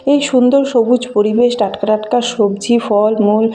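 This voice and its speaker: A woman's voice: a little high, steady tone, measured pace. A woman in her thirties from Bengal, chatting to viewers on a casual village vlog as she walks through a garden filming on her phone. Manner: chatty, gently enthusiastic, talks to viewers while showing things. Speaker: village vlogger. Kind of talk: casual walking vlog narration. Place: outdoors in a rural garden and fields. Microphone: handheld phone camera.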